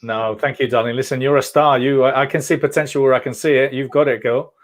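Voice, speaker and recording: A man's voice: medium pitch, fairly even intonation, fast talker. A man hosting an online event, effusively thanking guests and calling them darling. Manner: warm, effusive thanks, calls people darling. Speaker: host. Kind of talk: online panel chat.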